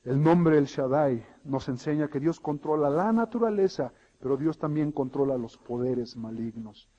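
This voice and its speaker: A man delivers an emphatic sermon in a church hall, his voice sitting fairly high. He keeps turning to the congregation with rhetorical questions. The sound comes through like a radio broadcast. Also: moderate pace, warm tone, muffled recording. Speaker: pastor.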